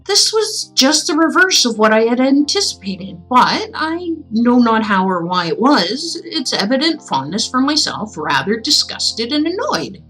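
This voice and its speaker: Reading classic tales on a livestream, the host, a woman with a slightly high voice, alternates measured, expressive narration with playful, casual banter. The recording quality is low, with faint music in the background.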